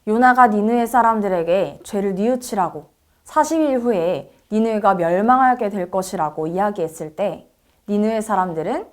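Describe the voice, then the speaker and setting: A woman's voice: mid-range voice, normal speed. A woman preacher telling a Bible story to children in a church service, asking them questions and acting out the characters' lines. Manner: asks the children questions, acts out quoted lines.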